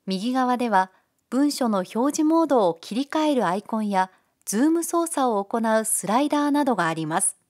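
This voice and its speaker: A woman giving calm, polite, step-by-step narration for a software tutorial. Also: fairly high pitch, moderate pace. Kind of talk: scripted screencast narration.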